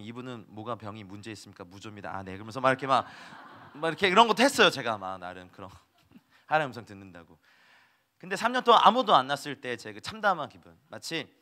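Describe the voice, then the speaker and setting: Animated, lively-voiced male preacher. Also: a little high. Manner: animated storytelling, acts out dialogue, laughs often. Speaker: missionary preacher. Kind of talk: sermon.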